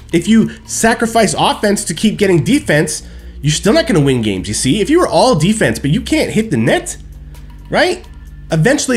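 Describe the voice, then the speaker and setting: A man in his thirties on a headset at home, ranting emphatically about a hockey game after it ends and checking in with his viewers with "okay?" and "right?". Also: a little high. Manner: animated, emphatic, keeps asking "okay?" and "right?". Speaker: hockey fan streamer. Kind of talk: post-game hockey rant. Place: small room at home, seated in gaming chair.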